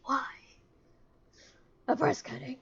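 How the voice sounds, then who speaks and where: A woman's voice: high voice, steady tone, slow pace, gravelly, fairly bright tone, highs cut off. A woman streamer giving casual gameplay commentary, chatty and joking, reading game text aloud.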